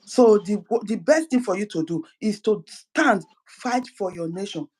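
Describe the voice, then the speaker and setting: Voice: mid-range voice, lively intonation, unhurried, a little mellow, a little hiss or hum, poor audio. A speaker gives an impassioned political address as an activist, fervent and full of repeated words and restarted phrases.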